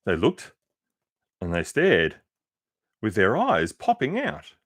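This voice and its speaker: A man reading a children's picture book aloud with expressive, unhurried storytelling and casual asides. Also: lowish voice, dry recording, clean studio sound. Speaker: reader.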